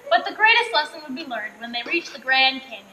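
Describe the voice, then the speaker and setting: A woman's voice: sits high, very animated, quick pace, sharp tone, exaggerated voice. A woman playing an earnest, syrupy TV-movie narrator, giving mock-sentimental narration in a dramatic way. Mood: grandly solemn. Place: theatre stage. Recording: roomy stage, faint noise.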